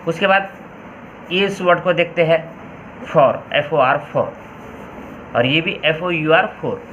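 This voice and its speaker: A male teacher with an Indian accent explaining English words in a Hindi-Urdu lesson, slowly repeating each point and spelling words out letter by letter. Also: fairly high pitch, expressive, fairly bright tone, dull audio, slight background noise. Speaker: school teacher.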